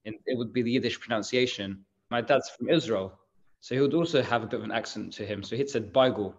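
A man's voice: mid-range voice, fast talker. Chatty man, slightly muffled. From England. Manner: chatty, rambling explanations with many fillers. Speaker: bakery managing director. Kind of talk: casual interview answers.

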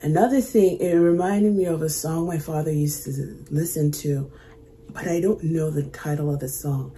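A woman hosting a music reaction video, talking in an earnest, reflective way with halting restarts, emotional and choked up. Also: deep voice, steady tone, dark tone. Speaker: music reaction channel host. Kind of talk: casual reaction commentary.

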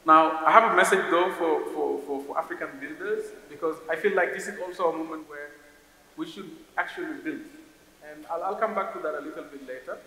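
A man's voice: a little high, a little fast, vocal fry, bright, forceful tone. Senegalese man speaking in an echoey hall. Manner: thoughtful, repeats words while searching for phrasing. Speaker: investor panelist. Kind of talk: conference panel discussion. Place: large conference hall stage. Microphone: stage microphone on a stand. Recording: roomy hall reverb with faint hiss.

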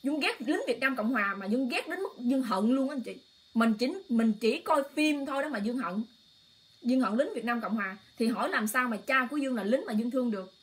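A woman's voice: fairly high pitch, expressive, brisk. A woman hosting an emotional political livestream, exclaiming often and speaking straight to her viewers in a heated, impassioned way. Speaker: online livestream host.

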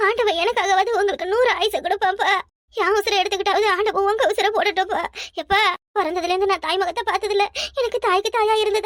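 A woman's voice: very high voice, fairly bright tone, no room sound, studio quality. A woman voicing a devoted young daughter in a cartoon, pleading frantically over her sick father. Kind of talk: cartoon voice acting.

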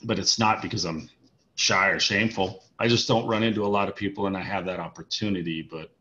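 A man with a very deep yet bright, forceful voice hosts an interview, reacting effusively to his guest's stories. The lo-fi audio sounds dull. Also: fairly even intonation, quick pace. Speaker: interview host. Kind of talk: casual interview chat.

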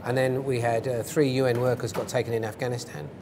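Fast-talking, emphatic British man explaining. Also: medium pitch, little pitch movement. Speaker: interview guest, former police hostage negotiator. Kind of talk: conversational interview, explaining. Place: indoor event interview stage. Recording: crowd murmur behind voices. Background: crowd murmur.

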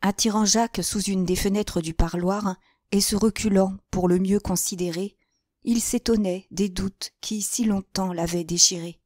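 A woman narrating a classic crime novel as an audiobook, with a measured literary reading. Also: medium pitch, steady tone, a little mellow, no room sound, studio quality.

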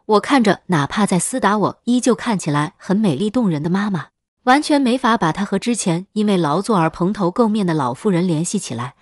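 A woman narrates a creepy first-person tale in a steady, matter-of-fact scripted read. Her pitch sits in a middle range. The recording is dry and close, with no room echo. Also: a little fast. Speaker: story narrator.

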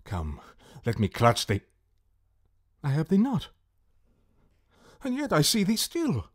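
A man's voice: a little high, wildly swooping pitch, slow, full character voice. An actor playing Macbeth, a tormented nobleman turned murderer, declaiming Shakespearean verse in a classical radio drama. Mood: grim, haunted. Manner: brooding, theatrical declamation.

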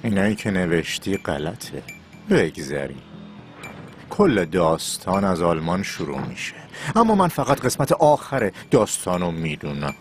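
A man's voice: deep voice, very animated, soft background music. An actor dubbing a sly man who teases out a family secret in a TV drama. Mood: teasing. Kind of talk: dubbed TV drama dialogue.

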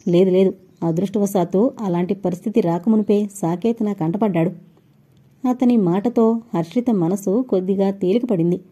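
Female audiobook narrator with a mellow, breathy tone, reading a novel and voicing its people herself. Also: mid-range voice, moderate pace. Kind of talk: scripted novel narration with character dialogue.

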